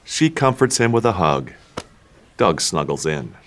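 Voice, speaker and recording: A man reading the stage directions in a table read, dry and unhurried. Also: low voice, very animated, fairly bright tone, a little hiss or hum.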